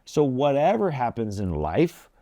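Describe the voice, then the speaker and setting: Warm, dry-sounding man giving a devotional talk. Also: mid-range voice, big pitch swings, unhurried, dry recording. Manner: conversational, plain-spoken, earnest. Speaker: video host.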